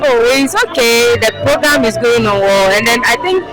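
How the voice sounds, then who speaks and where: A male military officer giving slow, plain answers at an outdoor parade. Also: very high-pitched. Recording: loud parade music and crowd.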